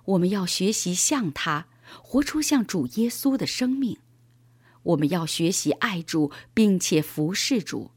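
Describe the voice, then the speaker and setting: A woman voicing a gentle, patient father explaining things to his son in a children's story. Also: fairly low pitch, expressive, measured pace, husky, no room sound, studio quality.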